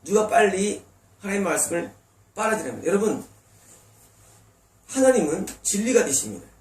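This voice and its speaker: High-voiced man preaching in an echoey church. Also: darkish tone. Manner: preaching with rhetorical questions to the congregation. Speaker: pastor. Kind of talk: sermon. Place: church sanctuary. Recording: echoey church sound from a distant mic.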